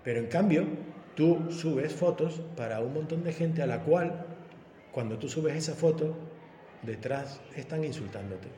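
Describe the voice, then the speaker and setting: A police officer in his fifties who gives talks in schools speaks in a warm, fairly high, unhurried voice. In a debate he presses a young guest with pointed, leading questions, delivered emphatically and challengingly. The recording has an echoey hall sound and faint noise.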